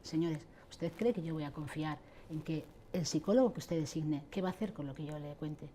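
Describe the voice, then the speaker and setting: A woman's voice: low voice, fairly quick, dark tone, slight background noise. A middle-aged woman, answering interview questions in an impassioned, indignant way and addressing church leaders directly. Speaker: interviewee, abuse survivor advocate.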